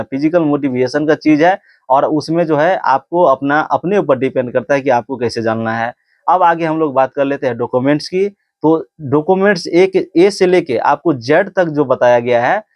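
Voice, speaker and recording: Recorded with studio quality and no echo, a man with a mid-range voice coaches viewers for a physical test. His instructional talk to camera is casual and earnest, with repeated points and many restarted sentences.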